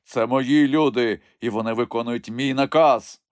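A man's voice: mid-range voice, moderate pace, no echo, clean studio sound, close to an everyday voice. A man doing a harsh, raging bishop. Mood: furious. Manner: barking orders, harsh. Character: cruel, gloating male bishop hunting outlaws.

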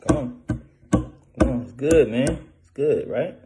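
A man's voice: mid-range voice, expressive, a little slow, very noisy. A young father talking casually and playfully to his baby while feeding him, coaxing and teasing in slangy speech.

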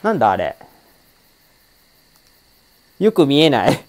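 Excitable man joking at the screen. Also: medium pitch, slow, a little hiss or hum. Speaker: let's-play streamer. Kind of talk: casual game commentary.

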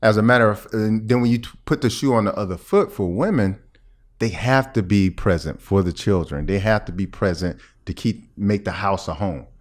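In a conversational podcast interview, a middle-aged American man who is a health expert talks in a lowish voice at normal speed. He lays out his points and makes sure the listener keeps up, sitting at a table in a small room with a boom-arm podcast microphone.

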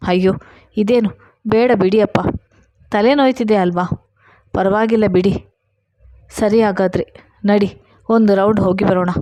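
A woman voicing a gentle, caring young husband in a read-aloud story, speaking softly. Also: medium pitch, steady tone, a little slow, long pauses, no room sound, close to an everyday voice. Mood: tender. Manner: soft, caring.

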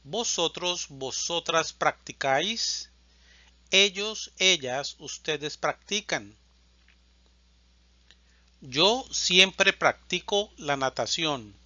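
A man teaching Spanish, reciting verb conjugations in a slow, deliberate drill and stressing each verb form. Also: a little high, animated, bright, forceful tone, no room sound, muffled recording.

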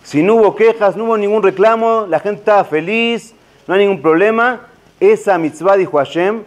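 Rabbi cracking jokes in a holiday talk, fairly high voice, loose and chatty. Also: male voice, normal speed. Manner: casual, joking, many fillers.

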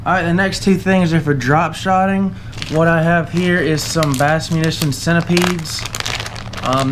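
A young man with a Southern US accent hosts his fishing channel, casually going through tackle for a giveaway at an indoor table filmed from an overhead camera. He sounds relaxed but halting, using plenty of uh and um, and his voice is on the high side with slight background noise.

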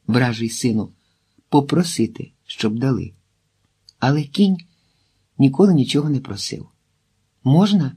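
Male audiobook narrator, steady measured delivery, dark and slightly breathy tone. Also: mid-range voice. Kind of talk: reading a novel aloud.

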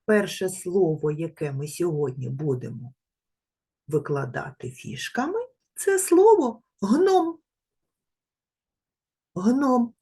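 Slow, breathy, sing-song woman teacher. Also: on the low side. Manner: slow, sing-song, drawing out speech sounds for children; gentle, praising, uses endearing diminutives. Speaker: preschool teacher. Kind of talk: remote literacy lesson for small children.

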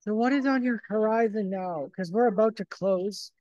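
A friendly interview host asks quick questions in a casual chat. The voice is mid-pitched and the sound is dry. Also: darkish tone, no echo, muffled recording.

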